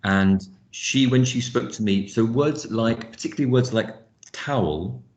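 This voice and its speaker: A man with a received pronunciation accent leads an online phonics teaching session, speaking earnestly and haltingly, often repeating words. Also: mid-range voice. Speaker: phonics trainer. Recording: echoey, dull lo-fi call audio.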